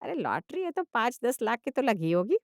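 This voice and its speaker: Woman putting on a scheming older mother-in-law, sugary coaxing, loud outbursts, dry sound. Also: on the high side, very animated, moderate pace, no room sound.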